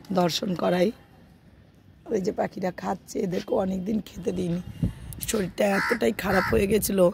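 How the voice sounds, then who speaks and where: A middle-aged woman with a hoarse voice from a cold, chatting softly and slowly with her viewers in a casual vlog, with many fillers. She talks into a handheld phone on a rooftop in the morning. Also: medium pitch, noisy background. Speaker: vlogger.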